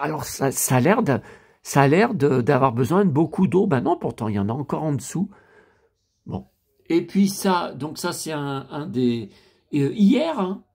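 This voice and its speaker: In his relaxed vlog, this man from around Lyon, France, chats on about the things he bought, using lots of fillers and tag questions and now and then breaking into exasperated griping. He has a slightly high, creaky voice.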